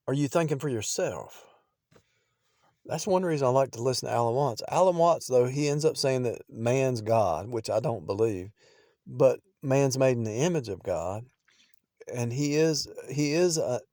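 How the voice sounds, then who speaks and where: A middle-aged man talking in an unscripted, rambling preaching monologue, repeating phrases and restarting sentences, often dropping in loudness. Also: mid-range voice, expressive, moderate pace, no echo, clean studio sound.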